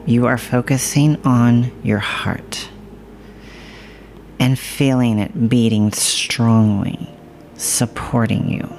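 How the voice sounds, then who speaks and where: Meditation guide: reassuring and hypnotic, gravelly creak in the voice, extremely unhurried delivery. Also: mid-range voice, a little hiss or hum. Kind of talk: slow scripted guided meditation. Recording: music bed behind the voice. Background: music.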